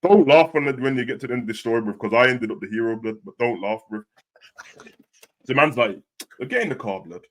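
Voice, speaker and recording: A man's voice: medium pitch, a little fast. A young man with a British urban street accent and roadman slang, telling stories casually and acting out what people said. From Birmingham, England. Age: young adult. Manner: roadman slang, animated retelling with quoted dialogue.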